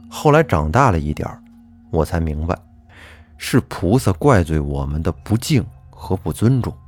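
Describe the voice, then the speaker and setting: Low-voiced man telling an eerie folk tale. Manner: expressive, dramatic storytelling. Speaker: storytelling podcast host. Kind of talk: narrating a listener's folk tale.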